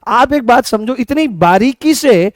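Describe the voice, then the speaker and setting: A teacher with a Rajasthani Hindi accent walks students through grammar, repeating each point and throwing questions back at them. His voice sits high for a man. The recording is close and dry, with no room sound. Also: animated, unhurried, no echo. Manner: repetitive, coaxing, asks students questions and calls them beta; answers viewer comments by name. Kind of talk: online exam-prep grammar lesson.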